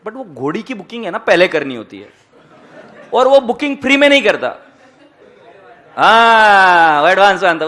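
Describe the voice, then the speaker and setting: A man teaching accounting to a classroom in a high voice. He jokes with the students and asks them question after question. He slips English phrases into his Hindi. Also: fairly bright tone. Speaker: accounting lecturer. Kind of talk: classroom lecture.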